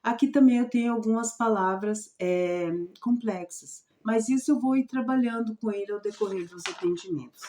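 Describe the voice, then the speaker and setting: A woman teacher explaining her reading lesson plan for a student, often checking in with a quick question. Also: medium pitch, dark tone. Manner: repetitive, checks in with "certo?". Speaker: special education teacher.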